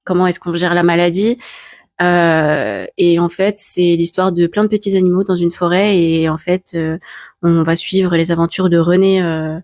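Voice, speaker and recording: A woman's voice: fairly low pitch, steady tone, normal speed, darkish tone, dry recording, clean studio sound. A young woman in casual podcast chat, hesitant and giggly, often stumbling over her words.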